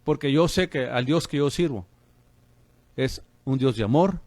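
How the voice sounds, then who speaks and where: A man's voice: medium pitch, unhurried, a little mellow, no echo. A man preaching on the radio as a pastor and host, fervent and calling listeners brother.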